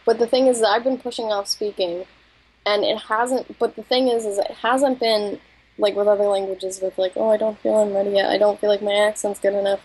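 A woman's voice: medium pitch, steady tone, fairly quick, darkish tone, breathy edge, low-quality recording. A woman co-hosting a language-learning podcast, talking candidly and casually, a bit self-conscious, laughing often. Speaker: podcast co-host. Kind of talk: casual chat.

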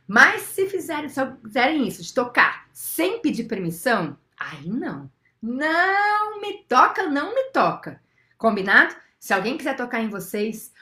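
A woman's voice: medium pitch, bright, forceful tone. A woman with a Brazilian accent reading a children's book aloud as a storyteller, talking directly to the children and asking them questions. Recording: roomy sound with faint ukulele.

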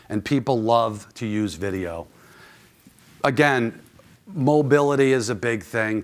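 Man giving an informal conference presentation. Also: mid-range voice. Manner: conversational, poses questions to listeners. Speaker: conference speaker, club manager.

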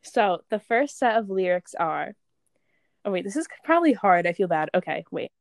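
A woman's voice: mid-range voice, sing-song, normal speed, vocal fry, no echo. Giggly young woman with a Long Island accent. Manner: giggly, chatty, lots of "like". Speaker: host. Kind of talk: casual chat, quiz game.

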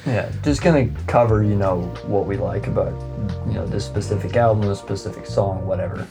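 A man's voice: fairly low pitch, brisk, creaky, over music. A young man co-hosting a podcast, chatting in a rambling, laid-back way with lots of fillers. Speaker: podcast co-host. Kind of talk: casual podcast chat.

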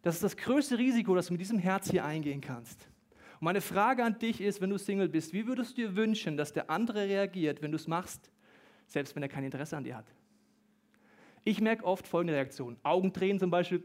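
A man in his thirties preaching a humorous sermon, lively, with joking asides and bursts of fast talk. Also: high voice.

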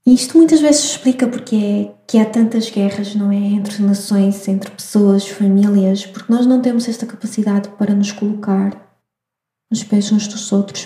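A woman with a European Portuguese accent giving a slow, reflective spiritual astrology talk. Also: medium pitch, dark tone. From Madeira, Portugal. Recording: echoey room.

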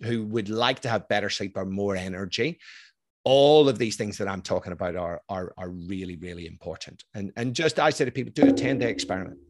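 An Irish man speaks as an expert guest in a casual interview. His voice sits on the low side and he talks with emphatic energy, often repeating words as he gets going. The sound is dry and close, with no room around it. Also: fairly quick, no echo. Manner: emphatic, repeats words when starting sentences.

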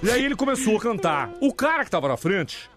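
A man hosting a radio comedy segment, spinning a made-up story in a playful, animated way. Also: high-pitched, over music. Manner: animated, playful, drawn-out exclamations. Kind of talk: improvised comic storytelling.

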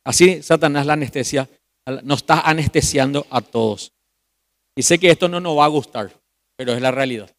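A man preaching a sermon at a youth meeting as pastor, calling his listeners brother and asking rhetorical questions, with big swings between loud emphasis and hushed, drawn-out phrases. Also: a little high.

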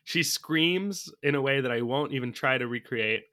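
A man's voice: medium pitch, moderate pace, sharp tone. A man chatting casually about a movie as a podcast co-host, thinking aloud from his notes and laughing often. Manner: laughs often while talking.

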